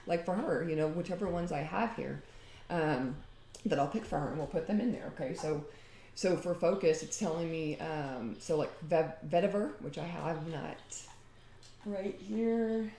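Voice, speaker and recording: A woman's voice: low-pitched, moderate pace, mellow, reverberant, a little hiss or hum. A woman chatting casually at home, rambling and laughing as she demonstrates a homemade recipe. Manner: rambling and talkative, often laughing. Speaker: home DIY vlogger.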